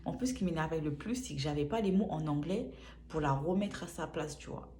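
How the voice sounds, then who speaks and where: Low-voiced young woman telling a slangy story. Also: fairly quick. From France. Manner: lively, slangy, acts out dialogue. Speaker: vlogger. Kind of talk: casual storytime.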